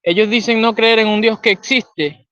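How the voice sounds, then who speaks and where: A Venezuelan man with a high voice lays out his philosophical idea in a calm, lecturing way. The sound is dull and dry, like a low-fidelity call. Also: normal speed, no room sound. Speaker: guest. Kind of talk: conversational philosophical discussion.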